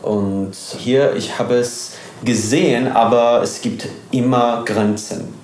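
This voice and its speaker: A young man from Iran with a Persian accent, speaking German haltingly as an interview guest, searching for words with many fillers. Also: mid-range voice, steady tone, darkish tone, roomy sound, a little hiss or hum.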